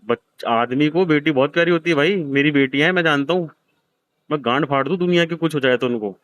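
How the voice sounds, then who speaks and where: A man's voice: a little high, brisk, a bit bright, clean tone, no room sound, dull audio. A man in his thirties, hosting, gives a blunt, profane scolding to a gambler in a harsh heart-to-heart lecture. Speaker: host counseling a gambler.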